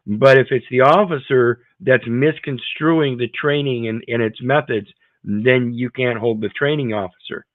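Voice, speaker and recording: A man's voice: medium pitch, a little slow, few pauses, dry recording. A man hosting an informal panel discussion, blunt and emphatic, often repeating himself. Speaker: panel host. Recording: narrow phone-like line, dry.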